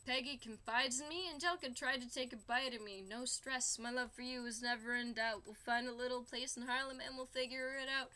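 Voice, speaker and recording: A woman voicing a brash young male revolutionary, rapping rapidly in a lowered voice along to a musical. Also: steady tone, bright, forceful tone. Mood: cocky. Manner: rapid rapping, low put-on voice.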